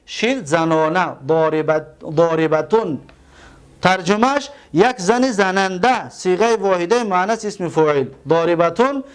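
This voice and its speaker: A man with a Tajik accent teaches a grammar lesson in a fairly high voice. He drags out key terms and repeats them. He poses questions to his students and then answers them himself. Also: lively intonation, few pauses, clean tone. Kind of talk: classroom lesson.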